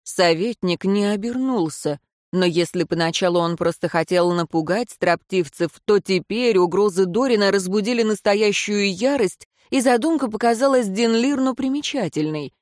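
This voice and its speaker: An audiobook narrator reading fantasy prose in an even, measured way. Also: medium pitch, no room sound, studio quality.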